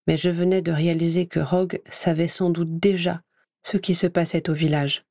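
Woman reading a story aloud, low voice, measured pace, dry sound. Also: little pitch movement, darkish tone, no echo. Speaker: audiobook reader. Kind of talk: first-person story narration.

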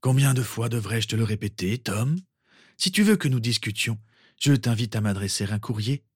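A man's voice: medium pitch, animated, normal speed, a little mellow, husky, dry recording, clean studio sound. A man voicing a weary old male headmaster, patient but firm.

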